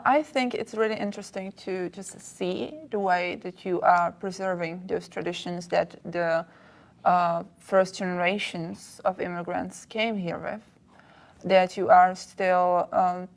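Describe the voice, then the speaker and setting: A young woman from the Czech Republic, a native Czech speaker, answers interview questions slowly and hesitantly. Her voice carries a gravelly fry, and her answers are full of pauses and fillers. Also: on the low side, steady tone. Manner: slow and hesitant, many fillers. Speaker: guest. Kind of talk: casual interview.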